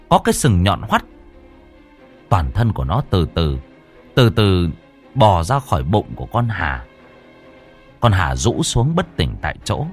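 A male storyteller, his voice low-pitched and husky, swinging widely in tone as he narrates a horror tale. The recording is dry and close, with faint music underneath. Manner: expressive, theatrical delivery.

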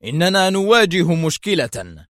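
Hot-tempered male spy officer, as a man puts him on, sharp outbursts, raised voice, dry close sound. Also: a little high, fast talker, dry recording, natural voice. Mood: angry. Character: angry, tense male intelligence officer.

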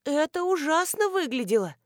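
Woman doing a panicky housekeeper lady, shrill and loud, high voice. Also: sing-song, normal speed, dry recording, studio quality. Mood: frightened. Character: flustered nervous housekeeper woman. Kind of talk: audiobook character reading.

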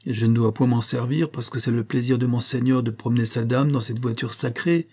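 A man reading an audiobook, voicing a contemptuous, hot-tempered young male horse trainer who shouts insults at his servant. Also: mid-range voice, steady tone, brisk, lightly acted. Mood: furious. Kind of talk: audiobook character voice.

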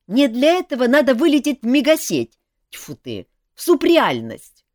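A woman's voice: sits high, huge pitch swings, moderate pace, no room sound, studio quality, pitched above the performer's own voice. A woman voicing a male royal jester who talks bluntly and teasingly. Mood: exasperated.

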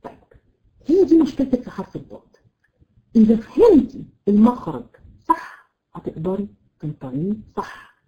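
Egyptian woman, tajweed teacher, patient, demonstrates letters slowly, mellow dark voice, dull lo-fi audio. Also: mid-range voice. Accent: Egyptian Arabic. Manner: addresses students by name, checks understanding. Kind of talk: live online Quran recitation lesson.

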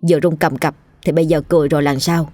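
A woman reader plays a middle-aged wife who is blunt and quick to complain, nagging her husband in a plain, everyday voice. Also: low-pitched, steady tone, warm tone, no echo. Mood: irritated.

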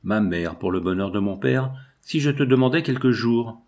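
An earnest young daughter, devoted and pleading, lifted a touch higher than the reader's own voice, as a man reads her lines. Her words come with emotional urgency in an old-fashioned storybook. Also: animated, moderate pace, darkish tone, lightly acted.

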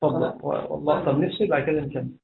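A man's voice: a little high, fairly even intonation, rapid-fire, creaky. A man with an Egyptian accent teaching a grammar class as a sheikh, reciting verses and questioning his students. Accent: Egyptian Arabic. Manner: questions the class and answers himself. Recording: echoey room over a phone-like line.

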